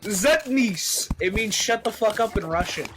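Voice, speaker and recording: A young man in a group voice call, joking crudely and bursting into loud outbursts over gameplay. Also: high voice, fairly quick, a loud crowd.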